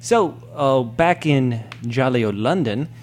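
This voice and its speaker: A man hosting a podcast, steering a casual chat about a TV series and chiming in with quick agreements. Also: mid-range voice, expressive. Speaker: podcast host.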